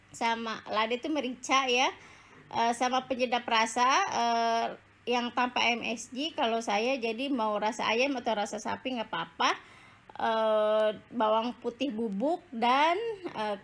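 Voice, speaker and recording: A woman from Banten, Indonesia, chatting casually in her home kitchen as she cooks for her vlog, with frequent fillers and laughs. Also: on the high side. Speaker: cooking vlogger.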